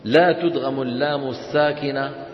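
A man's voice: medium pitch, fairly even intonation, moderate pace, slight background noise. A man teaching Quran recitation to a class, quizzing his students and having them repeat after him. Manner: questioning, drilling students call-and-response. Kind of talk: classroom instruction. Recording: echoey hall, dull sound.

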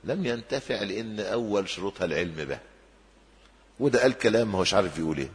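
A man preaching a sermon in Egyptian Arabic, lively, with loud emphatic peaks and quiet drops, acting out the people he quotes. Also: fairly low pitch, quick pace. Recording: long hall reverb.

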